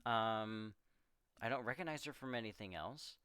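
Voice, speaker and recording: A man's voice: fairly low pitch, normal speed, pushed and bright, smooth, no room sound, clean studio sound. A man on a podcast casually retelling a film's scenes, rambling and quoting characters as he goes. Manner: rambling, retells scenes with quoted voices and laughs. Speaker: podcast co-host. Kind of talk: casual movie discussion.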